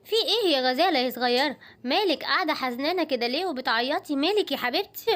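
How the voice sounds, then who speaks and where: A woman's voice: high-pitched, expressive, racing, a bit bright. A woman with an Egyptian accent voicing a caring mother lioness who pleads urgently, in a homemade cartoon. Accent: Egyptian Arabic.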